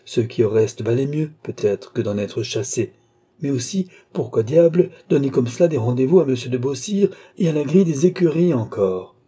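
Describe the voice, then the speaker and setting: A man's voice: medium pitch, expressive, normal speed, mellow, breathy edge, pitched above the performer's own voice. A man doing a sly, mocking old duke. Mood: sly, teasing. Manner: mocking, knowing, lightly threatening. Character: old duke and marshal, sly, teasing, worldly. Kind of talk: audiobook reading.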